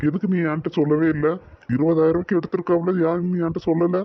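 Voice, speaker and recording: A man playing a patient father in a family skit, calmly soothing and placating the others. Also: on the high side, fast talker, muffled recording, close to an everyday voice. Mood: puzzled. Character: patient middle-aged father and son.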